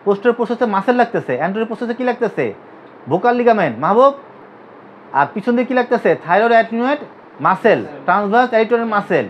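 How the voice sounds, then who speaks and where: A man's voice: high voice, quick pace, slight background noise. A man from Bangladesh teaching an anatomy class, who quizzes his students by asking them to repeat terms back. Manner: drills students with repeated questions. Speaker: physiotherapy teacher. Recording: dull lo-fi recording.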